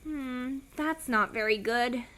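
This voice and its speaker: A woman's voice: high voice, slow pace, bright, forceful tone, a little hiss or hum, full character voice. A woman voicing a brave, kind young bunny girl who talks earnestly and caringly.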